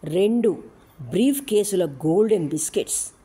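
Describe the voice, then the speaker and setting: A woman's voice: mid-range voice, expressive, moderate pace, warm tone, breathy edge. A woman voicing a menacing male gold smuggler who taunts and orders people around. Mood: accusing. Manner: taunting, commanding.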